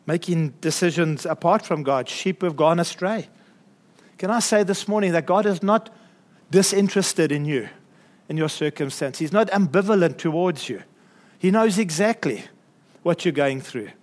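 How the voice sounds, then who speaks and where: A man's voice: on the high side, animated, moderate pace. A man preaching a sermon to his congregation in a church, earnest, with chuckles and asides. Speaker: pastor.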